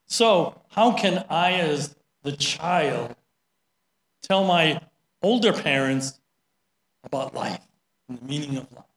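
A man's voice: fairly high pitch, lively intonation, slow, long pauses, a bit bright. A middle-aged man giving a sermon, telling a story in a chatty way with many "right?" asides. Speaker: preacher. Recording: roomy echo.

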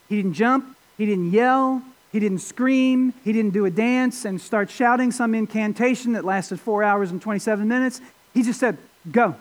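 A man preaching a sermon, emphatic, with rhetorical questions and sudden swings between loud and quiet. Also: very high-pitched. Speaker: pastor.

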